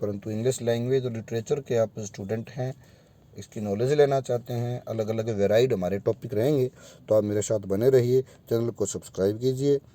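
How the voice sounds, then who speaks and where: A man's voice: medium pitch, fairly quick, mellow. A man teaching English pronunciation in a video lesson, spelling out vowel sounds one by one and addressing his students directly.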